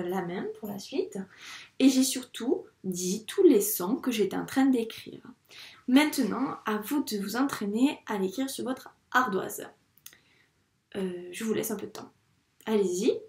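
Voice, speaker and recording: A woman's voice: medium pitch, darkish tone. A woman teaching a lesson for young children, patient and encouraging, spelling out each step. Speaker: primary school teacher. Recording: echoey room.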